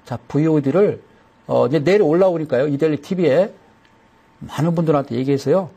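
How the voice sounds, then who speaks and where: A man's voice: fairly high pitch, fairly quick, vocal fry, mellow, husky. A man giving a chatty broadcast lesson on stock chart settings, repeating each step and slipping in folksy jokes.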